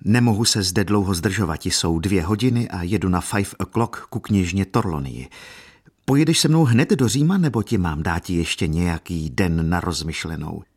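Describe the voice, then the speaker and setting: A man reading an audiobook, voicing a proud, brisk aristocratic older lady who speaks imperiously and emphatically. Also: low voice, animated, slightly rough. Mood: insistent. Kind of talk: audiobook character voice.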